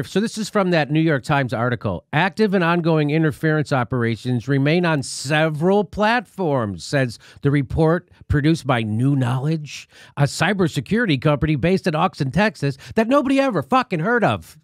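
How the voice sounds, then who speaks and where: A man's voice: fairly high pitch, animated, moderate pace, few pauses, no echo, studio quality. A male host giving comedic political commentary in a sarcastic, mocking and profane way.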